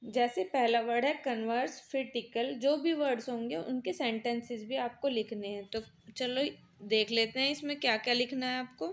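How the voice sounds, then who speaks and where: A woman with an Indian accent teaching a textbook lesson, explaining each step and reading out the English text slowly. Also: fairly high pitch.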